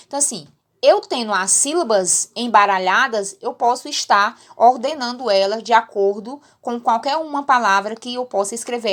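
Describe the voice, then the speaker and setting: A woman with a Brazilian Portuguese accent, a primary school teacher giving a recorded lesson to children, patient and repeating herself as she checks they understood. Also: on the high side.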